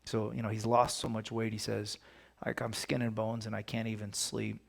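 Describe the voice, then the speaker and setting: A man's voice: fairly low pitch, monotone, moderate pace, vocal fry. A man leading a casual Bible study, talking conversationally and reading scripture aloud with emphasis. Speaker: pastor.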